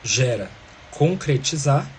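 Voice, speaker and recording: A man's voice: medium pitch, expressive, slow pace, slight background noise. A man teaching a grammar lesson, explaining step by step and often checking in with the listener.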